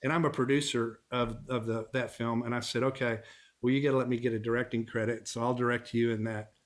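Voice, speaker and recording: Middle-aged man from Texas, easygoing interview guest, mid-pitched voice. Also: little pitch movement, quick pace. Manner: easygoing storyteller, chuckles while talking. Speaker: guest, family law attorney and actor. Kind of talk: casual interview conversation.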